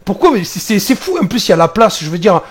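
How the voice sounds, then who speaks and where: Behind the wheel of a truck in France, a man with a high-pitched voice talks quickly about the road, jokey and lively yet fed up with the other drivers. There is slight background noise in this casual dashcam commentary.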